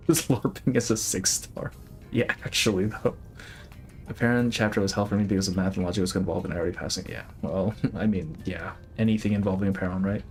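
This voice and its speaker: A man's voice: deep voice, steady tone, fairly quick, a little mellow, soft background music. A young man casually chatting and laughing through live gameplay commentary. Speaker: streamer.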